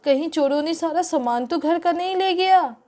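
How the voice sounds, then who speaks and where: A woman's voice: very high voice, moderate pace, warm tone. A woman voicing a stern older mother-in-law in a doll story, complaining and fussy. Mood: worried. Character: stern older mother-in-law who scolds her daughter-in-law.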